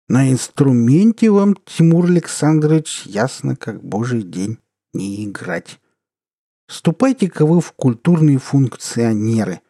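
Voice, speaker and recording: A drunk, bitter man slurs his words and drags them out slowly, now and then breaking into tearful wails, as a narrator puts him on. The voice is dark and husky. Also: medium pitch, dry recording, studio quality. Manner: slow, tearful, wailing. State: drunk, slurring. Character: drunk bitter middle-aged male theatre director.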